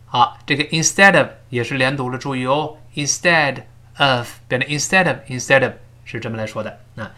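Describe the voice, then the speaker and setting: A man teaching English pronunciation in a recorded lesson, drilling phrases slowly and explaining sounds step by step. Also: medium pitch, bright, forceful tone.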